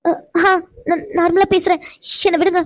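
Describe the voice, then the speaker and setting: A woman's voice: extremely high pitch, little pitch movement, moderate pace, no echo, clean studio sound. A woman voicing a shy, frightened young woman in a cartoon, who stammers and pleads. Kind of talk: cartoon voice acting.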